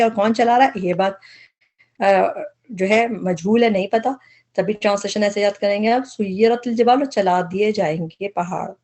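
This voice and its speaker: A woman's voice: mid-range voice, a little mellow. A woman teaching a Quranic vocabulary lesson, explaining each word patiently and step by step, with English terms mixed into her speech.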